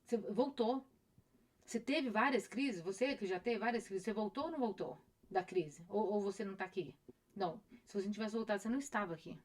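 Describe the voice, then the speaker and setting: A woman's voice: medium pitch, fast talker. A middle-aged woman therapist with a Brazilian Portuguese accent, talking casually on a live stream, repeating phrases and acting out her patients' voices.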